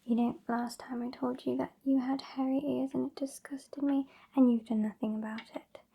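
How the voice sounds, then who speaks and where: A woman voices a haughty, sassy old vampire with a British accent, whispering in an ASMR roleplay as she condescendingly scolds her fledgling, exasperated and scornful. The delivery is high-pitched, flat, exaggerated, breathy, and at a moderate pace.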